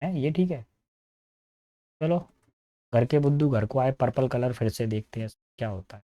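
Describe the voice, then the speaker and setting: Brief: male exam-prep teacher, mid-pitched, lively and coaxing with students. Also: moderate pace, dull audio. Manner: lively, coaxing, calls students beta and bhaiya. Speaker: English teacher.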